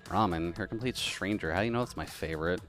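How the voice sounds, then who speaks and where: A man's voice: deep voice, fast, fairly bright tone, faint music behind. A man with a metallic, tin-can robot filter on his voice, chatting casually with viewers and muttering to himself as he plays a game live. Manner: chatty, mutters while playing, reads chat aloud.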